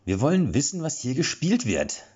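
A man's voice: mid-range voice, wildly swooping pitch, normal speed, slightly rough, voice pushed up. Brief: male narrator as brash hero interrogating, raised pushy voice, lo-fi. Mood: demanding. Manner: half-shouting, demanding. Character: bold young male hero, impatient. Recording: dull lo-fi recording.

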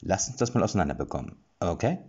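A man's voice: low-pitched, sing-song, fast, a little mellow, breathy edge, full character voice. A man voicing a young male hero, impatient and easily flustered, in an audiobook, on slightly muffled audio. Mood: exasperated.

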